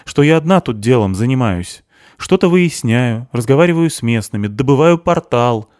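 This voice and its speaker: A man voicing an indignant young woman who complains loudly and feels overlooked. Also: on the high side, lively intonation, moderate pace, no room sound, clean studio sound, pitched above the performer's own voice, natural voice. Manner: exasperated, loud complaints. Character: indignant young woman, hardworking, easily offended.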